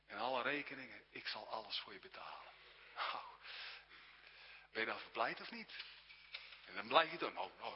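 A man preaching a sermon earnestly, shifting between hushed whispers and raised, exclaiming passages. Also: fairly low pitch. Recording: dull sound with long hall reverb.

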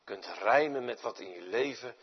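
Male preacher, lively delivery, slightly husky voice, echoing church hall. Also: mid-range voice, moderate pace. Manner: dramatic swings from loud to near-whispered. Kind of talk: sermon. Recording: dull sound with long reverb in a large hall.

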